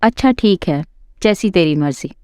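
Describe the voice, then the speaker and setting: A woman's voice: lowish voice, expressive, normal speed, a little mellow, clear, resonant tone, no echo, studio quality, lightly acted. A woman voicing a quarrelsome, scornful older mother-in-law who taunts and scolds. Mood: scolding.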